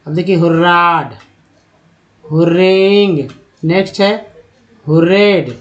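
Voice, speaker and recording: A man with a fairly high voice leads a spelling and pronunciation lesson. He stretches out words and breaks them into letters as he goes. The sound is dull and lo-fi. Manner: slow, drawn-out word-by-word pronunciation drills. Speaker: English teacher. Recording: dull lo-fi audio.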